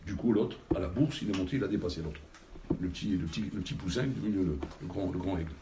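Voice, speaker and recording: Animated low-voiced rabbi telling a story. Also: male voice, fast. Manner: animated, repeats and stumbles over words. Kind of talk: storytelling sermon. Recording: noisy background.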